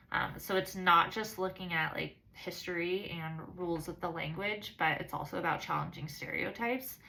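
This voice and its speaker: Bright-voiced woman with a creaky edge. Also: on the low side, rough recording. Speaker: science teacher giving a course reflection. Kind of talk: casual reflective vlog talk.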